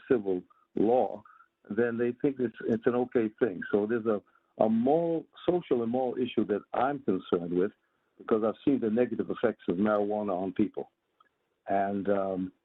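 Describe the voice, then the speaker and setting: A man in his seventies calling in by phone to a community meeting, speaking earnestly with halting restarts. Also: lowish voice, breathy edge, dry recording. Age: 70s. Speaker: community caller. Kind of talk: public comment at a community meeting. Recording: tinny phone line.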